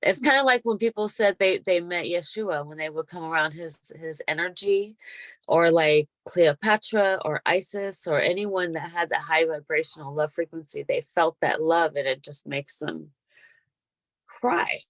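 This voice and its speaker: A woman practitioner chatting casually about a spiritual session, laughing often and animated when retelling things. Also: sits low, moderate pace, dry recording. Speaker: hypnotic regression practitioner.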